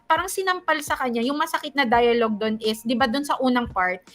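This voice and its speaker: A woman's voice: a little high, fairly quick. A woman with a Filipino accent co-hosting a casual chat show, often murmuring agreement and talking with feeling. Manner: frequent murmured agreement, emotional. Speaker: co-host.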